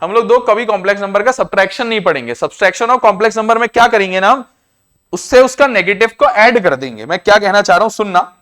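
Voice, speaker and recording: A man with an Indian accent teaching a maths class, explaining each step slowly and repeating himself. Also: high voice, lively intonation, fairly bright tone. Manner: repetitive, explains step by step, often says "I said". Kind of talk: classroom lecture to students.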